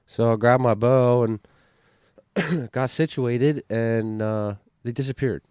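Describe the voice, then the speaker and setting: A man's voice: medium pitch, slow pace, a little mellow, clean tone, no echo, studio quality. A man in casual podcast chat, telling a story in a rambling way with lots of fillers and restarts. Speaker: bowhunter on a hunting podcast.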